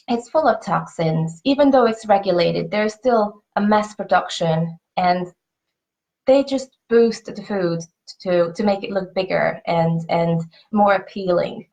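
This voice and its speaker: On a low-quality recording, a woman with a mid-range, darkish voice talks to camera about the pet supplement company her family runs. She is a native Hungarian speaker with a Hungarian accent, and her earnest, chatty delivery includes frequent repetition as she hunts for words.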